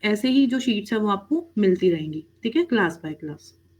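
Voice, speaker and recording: A woman's voice: medium pitch, lively intonation, moderate pace, darkish tone. A woman teaching an online Korean language class, who mixes in English words and keeps checking with her students. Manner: addresses students as "beta", frequent "theek hai?" checks.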